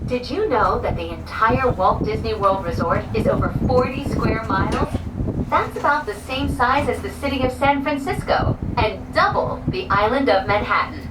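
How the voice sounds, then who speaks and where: A woman giving a polished, welcoming recorded ride announcement, played over a cabin loudspeaker. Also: a little high, normal speed, far from the mic. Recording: echoey loudspeaker heard from afar with loud vehicle noise.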